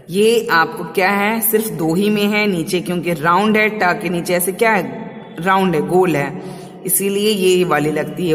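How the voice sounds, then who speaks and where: A woman's voice: lowish voice, in a large hall. A woman teacher giving a revision class to small children, patiently repeating words for them to say back.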